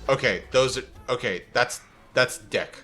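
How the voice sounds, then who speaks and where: Bright-voiced man chatting casually, halting. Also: mid-range voice. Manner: halting, repeats phrase openings. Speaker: let's play co-host watching and commenting. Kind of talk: casual chat.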